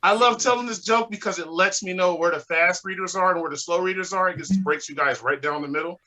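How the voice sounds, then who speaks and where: Bright, laid-back Texan man on a call. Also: sits high, fast talker, poor audio. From Texas. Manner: laid-back, chatty, laughs at his own jokes. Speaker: stand-up comedian. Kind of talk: stand-up set on a video call. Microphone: video call.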